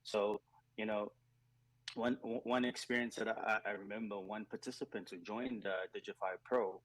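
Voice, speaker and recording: A man from South Africa who leads a nonprofit program, talking in a radio interview in an earnest, measured way, with many ums and uhs. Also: fairly low pitch, fairly even intonation, fairly bright tone, no echo, rough recording. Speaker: nonprofit digital skills program leader.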